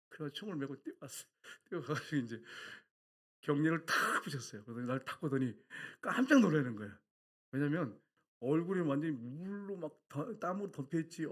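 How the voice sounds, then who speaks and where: A middle-aged male pastor preaching a sermon, telling stories with lively energy and shouting out the lines he quotes. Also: a little high, breathy edge. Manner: animated storytelling with shouted quotes.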